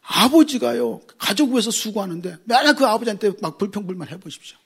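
A middle-aged man preaching a sermon as a pastor, with lots of rhetorical questions and a husky voice. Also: high-pitched, animated, fast talker, a bit bright.

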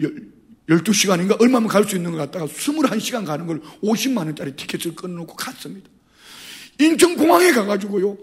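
A middle-aged man preaching a sermon as a pastor, telling stories with big swings between loud and soft. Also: sits high.

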